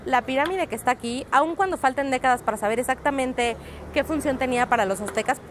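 A woman in her thirties with a Mexican Spanish accent speaks in a high voice at a quick pace. She's a reporter explaining at length in a street interview outdoors on a busy city street, fluent but often saying "eh." Faint street ambience adds slight background noise.

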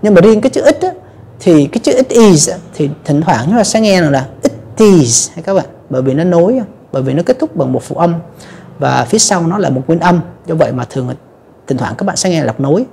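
A woman's voice: deep voice, big pitch swings, fast, vocal fry, dark tone, slight background noise. A woman teaching an English grammar lesson in a chatty, casual way, often addressing her viewers directly. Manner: chatty, repeats "các bạn" and "ha".

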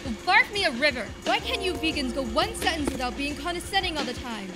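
A woman's voice: sits high, sing-song, fast talker, loud music behind the voice. A woman playing a brash, sarcastic young detective in a comedic short film. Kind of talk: comedic student film acting.

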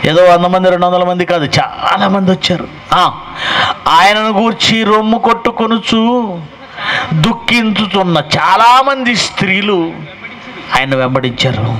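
A man's voice: high-pitched, unhurried, long pauses, sharp tone, low-quality recording. A man preaching a live sermon as pastor, emphatic and firing off rhetorical questions, with mocking asides.

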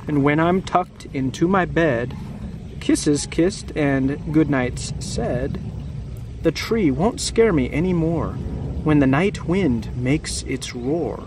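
Outdoors in a grassy, wooded yard, a man in his thirties reads a picture book aloud to children, speaking slowly and expressively in a slightly high voice. He keeps the phrasing simple and adds chatty asides and questions for his young listeners. The outdoor camera audio picks up background noise.

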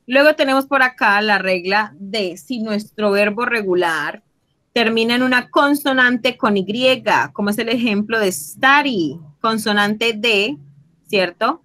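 A woman's voice: a little high, a bit bright, poor audio. A woman teaching English grammar to Spanish speakers, explaining patiently, drawing out example words and checking in with frequent tag questions. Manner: switches between Spanish and English; slow, drawn-out example words.

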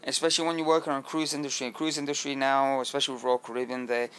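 A man's voice: medium pitch, little pitch movement, a bit bright, clear, resonant tone. Man, talkative cruise director. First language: French. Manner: fluent and talkative, frequent filler pauses. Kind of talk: podcast interview answers.

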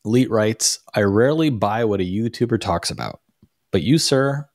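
A man in his forties co-hosts a podcast from a room at home that has a door and a framed picture. Into a studio mic with a pop filter, he chats casually with wry joking asides, his lowish voice lively in intonation at normal speed, with no echo.

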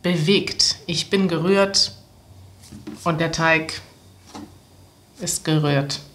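A woman's voice: sits low, steady tone, drawn-out words, a bit bright, a little hiss or hum. A woman, explaining jokes step by step to language learners. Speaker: language teacher and presenter. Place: small room indoors, seated at a table.

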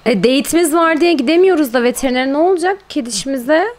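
Talking quickly in a high voice, a woman streamer plays a game on a casual live-stream. She exclaims, coos over her pets, and chats with the people watching.

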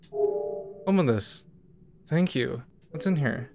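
A woman's voice: low-pitched, wildly swooping pitch, drawn-out words, over music. Sarcastic woman commenting on a game. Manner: sarcastic, bemused, laughs often. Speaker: gaming channel host.

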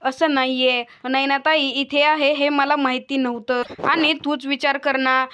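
A woman voicing a young wife who insists she is innocent, read in a flat way. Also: sits high, measured pace, slight background noise. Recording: dull lo-fi recording.

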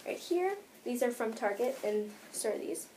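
A teenage girl with an American accent chats to the camera in her bedroom, walking through her bag's contents in rambling talk full of "like." Her voice is slightly high, expressive, and dark in tone at a moderate pace, with a little hiss or hum.

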